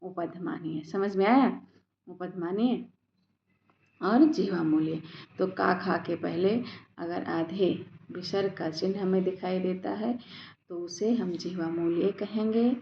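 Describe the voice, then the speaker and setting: A woman's voice: fairly low pitch, takes it slowly, vocal fry. A woman teaching a grammar lesson to students, patiently asking questions and answering them herself. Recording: echoey lo-fi room recording with faint hiss.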